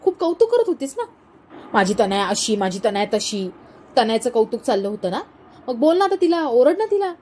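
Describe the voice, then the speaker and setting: A woman's voice: fairly high pitch, big pitch swings, normal speed, a little mellow, a little hiss or hum. A woman doing a mocking, needling husband. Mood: taunting. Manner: mocking, taunting. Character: sarcastic, needling middle-aged husband.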